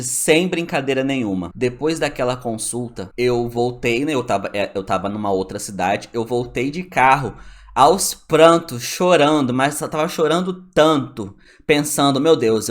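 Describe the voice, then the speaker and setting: A young man telling a personal story to camera, candid and emotional, acting out what each person said. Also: mid-range voice. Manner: emotional, candid, acts out both sides of conversations. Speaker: vlogger.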